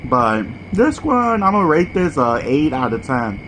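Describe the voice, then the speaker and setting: A man's voice: on the high side, sing-song, unhurried. A man hosting a mukbang, giving a casual, informal food review while eating and repeating short verdicts. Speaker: mukbang host. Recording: clearly noisy background ambience.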